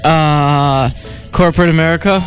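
High, grumbling man on a radio quiz. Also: fairly even intonation, measured pace, loud music behind the voice. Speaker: quiz contestant. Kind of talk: casual radio banter.

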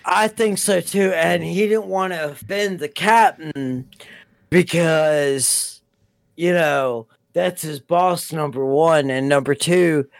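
A man's voice: fairly high pitch, slow, gravelly, no room sound. A man co-hosting a casual chat about a TV episode, rambling, restarting his sentences and swearing now and then. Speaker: podcast co-host.

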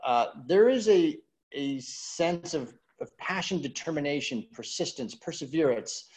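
A man's voice: fairly high pitch, animated, unhurried, a little mellow, poor audio. A man hosting a virtual wine tasting over a video call, chatting in a rambling way and repeating words as he looks for what to say. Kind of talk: interview chat.

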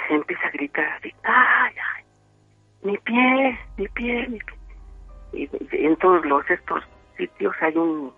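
Gravelly Mexican man on a phone line. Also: a little high, dry recording. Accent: Mexican Spanish. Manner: rambling, many fillers. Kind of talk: telling a ghost story.

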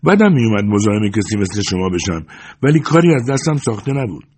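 A man's voice: fairly low pitch, big pitch swings, a little mellow, slightly rough, pitched above the performer's own voice. A man voicing a distressed young woman who pleads at a hermit's door in a raised, plaintive voice. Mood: pleading.

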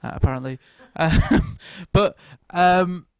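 High-voiced man in rambling podcast chat. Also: takes it slowly, smooth, no room sound, studio quality. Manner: rambling, jokey anecdote-telling. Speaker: podcast host. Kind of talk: casual comic chat.

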